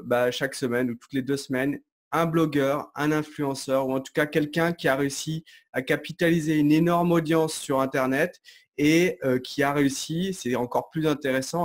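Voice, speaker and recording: A man's voice: on the high side, steady tone, moderate pace. A man hosting an interview, friendly and chatty, thinking aloud as he sets up his questions. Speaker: host, interviewer. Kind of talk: casual interview talk.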